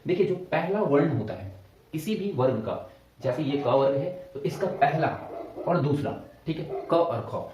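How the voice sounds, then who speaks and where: A man's voice: fairly high pitch, lively intonation, moderate pace, background noise. A male teacher explaining grammar step by step, often checking back with his students. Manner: explains step by step, repeating "ठीक है" and asking questions back. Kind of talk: exam-prep grammar lesson. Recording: echoey room, mic at a distance.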